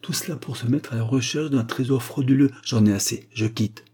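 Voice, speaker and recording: A man voicing a pompous, educated young man who lectures his companion and is quick to take offense. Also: mid-range voice, mellow, slightly rough, close to an everyday voice. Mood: indignant. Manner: lecturing, indignant.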